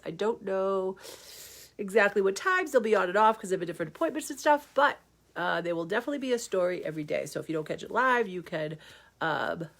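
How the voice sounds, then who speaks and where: Nasal-voiced woman with the flu. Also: medium pitch. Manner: chatty and bubbly, talking to kids. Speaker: storyteller host. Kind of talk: reading a picture book aloud.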